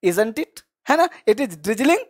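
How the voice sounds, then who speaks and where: A man teaching a spoken English lesson, repeating example sentences slowly and adding encouraging, chatty asides to the learners. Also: extremely high pitch, very animated. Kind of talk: online language lesson.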